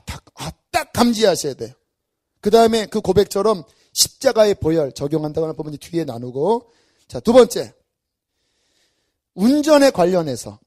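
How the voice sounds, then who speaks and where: Animated high-voiced male pastor. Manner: animated storytelling, acting out his own inner reactions. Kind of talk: early-morning sermon.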